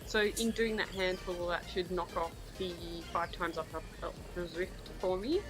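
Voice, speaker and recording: A man's voice: sits high, normal speed. A man chatting casually about cycling as a co-commentator on a livestream. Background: music.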